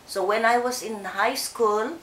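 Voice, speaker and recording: An older woman from the Philippines, recalling her life slowly and haltingly in an oral history interview. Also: a little high, fairly bright tone, reverberant, a little hiss or hum, low-quality recording. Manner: slow, hesitant, with many fillers and restarts.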